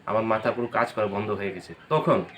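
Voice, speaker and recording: With a crowd audible behind him, a man from Tripura in India speaks briskly in a lowish voice. In this chatty vlog he tells stories about those who helped him and thanks each supporter by name.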